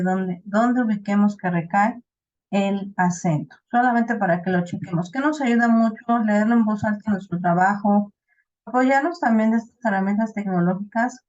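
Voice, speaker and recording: A woman with a Mexican accent teaches a class, explaining step by step and pausing often to check that her students follow. Her voice sits at an ordinary middle pitch. The recording is dull and slightly lo-fi. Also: darkish tone. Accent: Mexican Spanish. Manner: explains slowly with many "¿no?" checks and restarts. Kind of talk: online class lecture.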